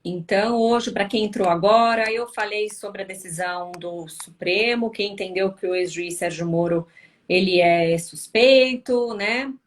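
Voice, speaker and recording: A tired Brazilian woman hosts a casual live stream, answering viewers in a medium-pitched voice at a measured pace. She's chatty and uses lots of tag questions.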